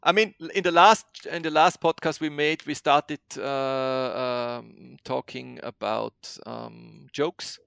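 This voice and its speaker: A man's voice: medium pitch, steady tone, slow, creaky, few pauses, fairly bright tone, clean tone, no room sound, studio quality. A man hosting a podcast interview, asking questions hesitantly with many ums and uhs. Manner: hesitant, filler-heavy questioning. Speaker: podcast host.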